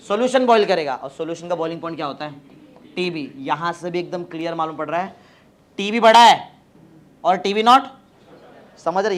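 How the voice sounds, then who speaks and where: A man with a Marathi-influenced Hindi accent teaching a chemistry class, hurrying students along and quizzing them. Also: sits high. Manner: urgent, keeps urging students to hurry and asking questions. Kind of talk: classroom lecture.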